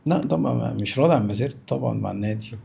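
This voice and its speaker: An Egyptian man speaks as an interview guest in natural, unscripted talk. His voice is heavily creaky and rather husky. He insists on his points, restating them at a very rapid pace. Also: medium pitch, mellow. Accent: Egyptian Arabic. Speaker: interview guest, former professional footballer.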